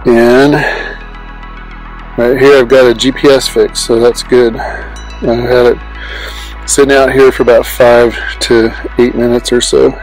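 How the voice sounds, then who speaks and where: On an open hillside at dusk, an amateur radio hobbyist films his outing on a handheld phone, casually thinking aloud as he explains his hobby. His mid-range voice is flat, slow and a little mellow, with long pauses. Faint music plays behind him, and the audio is poor.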